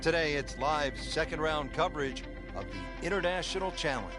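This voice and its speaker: A man working as lead golf commentator, calling play in a measured broadcast delivery with folksy turns of phrase. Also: on the high side, expressive, music in the background, close to an everyday voice.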